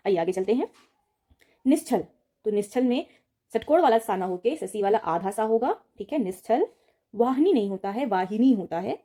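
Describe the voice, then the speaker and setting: A woman's voice: medium pitch, moderate pace. A woman teaching an exam-prep Hindi spelling lesson, patiently repeating each word and often checking in with her students. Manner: addresses students directly, steady explaining tone.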